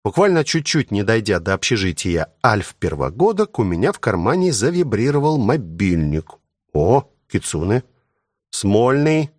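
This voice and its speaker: A man tells a first-person story as an audiobook narrator, with a wry and expressive delivery. His voice sits low, and his intonation moves lively and animated. The recording is dry and close. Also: normal speed, breathy edge, no echo.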